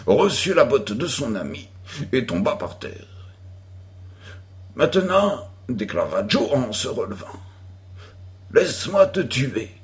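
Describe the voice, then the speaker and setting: A man reading an audiobook aloud in a deliberate, expressive manner. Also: mid-range voice. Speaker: audiobook reader. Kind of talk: audiobook narration.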